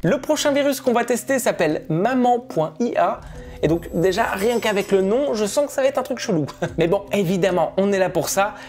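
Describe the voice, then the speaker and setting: A man's voice: sits high, expressive, fairly quick, a little mellow. A young man in a reaction vlog, jittery and laughing, who repeats himself when uneasy, talking into a headset mic. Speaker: gaming and tech YouTuber.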